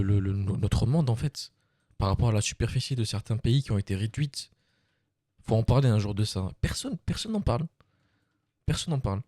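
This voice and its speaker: A man's voice: on the low side, dark tone, no echo, clean studio sound. A man giving opinions in a casual live-stream debate, repeating himself for emphasis.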